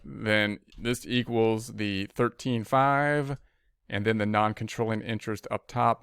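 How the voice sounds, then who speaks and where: A male accounting instructor with a fairly low, clean-toned voice gives an informal spreadsheet tutorial. He thinks aloud step by step, often repeating himself, in clean studio sound with no echo.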